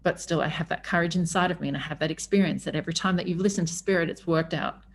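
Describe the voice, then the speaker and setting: Effusive, lowish-voiced woman podcaster. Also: steady tone, fast talker, a little hiss or hum. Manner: effusive, emphatic, swearing freely. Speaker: podcast host. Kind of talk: candid personal podcast monologue.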